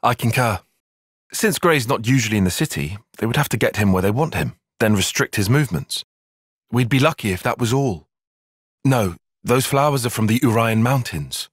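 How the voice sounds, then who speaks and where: In a dramatic video game cutscene, an earnest, analytical young male soldier and tactician speaks in precise, formal, bookish sentences. His slightly husky voice is animated, moving a lot in pitch at a moderate pace, and he sounds composed. It's recorded close and dry, with no room sound.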